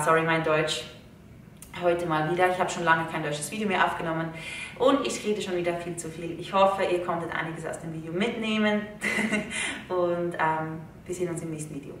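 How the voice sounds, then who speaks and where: A young adult woman chatting earnestly and wordily to viewers in a casual explanatory style. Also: a bit bright. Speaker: video host. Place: living room indoors, seated in an armchair. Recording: distant, echoey room with rumbly noise.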